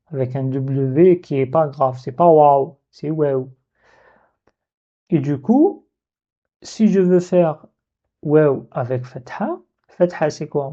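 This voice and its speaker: A man's voice: on the high side, dark tone. A man teaching an Arabic letter in a video lesson, patiently repeating sounds and breaking words into syllables. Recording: dull lo-fi recording.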